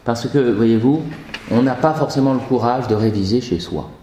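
A man teaching a Latin lesson, patient and chanting declensions slowly, in an echoey room. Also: medium pitch, dark tone, a little hiss or hum. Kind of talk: classroom lesson.

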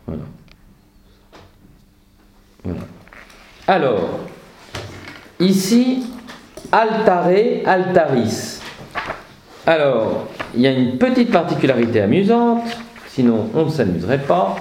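A man's voice: on the high side, huge pitch swings, takes it slowly, long pauses, darkish tone, a little hiss or hum. A man teaching a Latin grammar lesson in a classroom, patient and lightly humorous, reciting declensions in rhythmic repetition. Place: classroom with students present. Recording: roomy classroom echo.

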